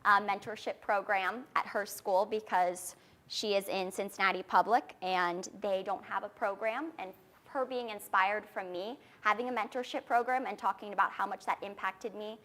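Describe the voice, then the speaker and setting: A young woman giving a confident startup pitch as a founder, explaining things earnestly in a presentation style. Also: fairly even intonation, normal speed, fairly bright tone.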